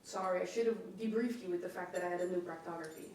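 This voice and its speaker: A woman's voice: on the low side, fast talker, darkish tone, slight background noise. A young woman, an art student, answering questions at an exam in a loose, rambling, self-deprecating way. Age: young adult. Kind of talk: casual exam Q&A. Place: echoey school exam room. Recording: echoey room, mic from far off.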